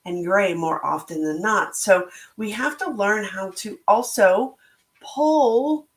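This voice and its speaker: This woman organizes a book club and hosts a podcast, and here she gives a reflective talk on her own. The room echoes, her mid-range voice has a slight hoarseness, and she speaks slowly in a thoughtful, motivational way.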